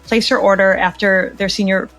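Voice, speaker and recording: A woman's voice: mid-range voice, flat delivery, normal speed, a bit bright, faint music behind. A middle-aged woman with a Minnesota accent, a photographer guest chatting on a podcast video call and telling stories with frequent laughs. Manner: chatty storyteller, laughs often. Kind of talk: casual podcast interview.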